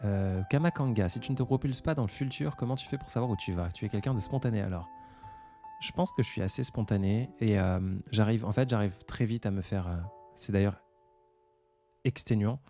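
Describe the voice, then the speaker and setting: A man's voice: on the low side, a little fast, mellow, faint music behind. A man in his twenties hosting a casual live stream, answering viewer comments in a hesitant, reflective way with many fillers. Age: 20s. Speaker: livestream host.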